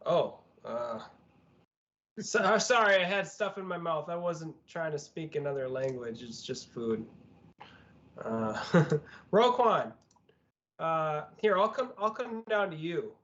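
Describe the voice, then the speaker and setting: A man's voice: a little high, expressive, takes it slowly, a bit bright. A man playing a tabletop game in character, chatty and joking. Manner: jokey, chatty, questioning. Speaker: player. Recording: dull lo-fi audio.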